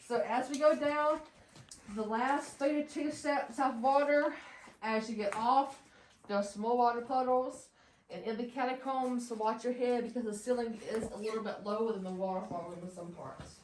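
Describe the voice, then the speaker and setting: A woman leads a cave tour in a chatty way and chuckles at her own jokes. Her slightly high voice rings with cave echo. She stands away from the mic, and a faint hiss sits under her voice. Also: normal speed, distant mic. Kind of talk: guided tour talk. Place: inside a limestone cave.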